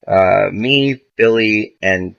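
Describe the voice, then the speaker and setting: A man's voice: lowish voice, extremely slow, creaky, fairly bright tone. A man, a podcast guest, casually telling a story full of profanity and quoted back-and-forth dialogue. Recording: dull lo-fi podcast audio.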